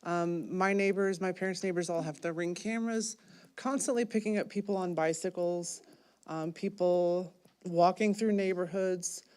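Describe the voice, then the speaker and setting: A woman's voice: on the low side, steady tone, normal speed, darkish tone, smooth. A woman giving a hesitant public comment at a city meeting, with many ums.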